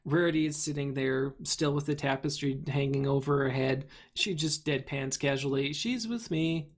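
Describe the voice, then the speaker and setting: A man's voice: medium pitch, flat delivery, moderate pace. Man hosting a casual review chat. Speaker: podcast host.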